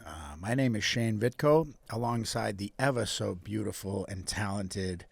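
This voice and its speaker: A young man with a Boston accent hosts a laid-back podcast chat in a low, gravelly voice. He rambles along with plenty of fillers, and his tone is husky and recorded close and dry. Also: measured pace, no room sound. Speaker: podcast host. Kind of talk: casual chat.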